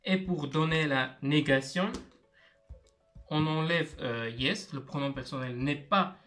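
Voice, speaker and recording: Slow, patient male language teacher. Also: fairly high pitch, a bit bright, faint music behind. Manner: patient, repeats words slowly for learners. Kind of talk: video lesson, explaining step by step.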